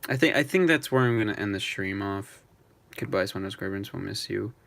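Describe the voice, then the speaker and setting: A young man live streaming, talking in a rambling, halting way with many restarts. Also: lowish voice, gravelly, a bit bright. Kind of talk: emotional live-stream tribute chat.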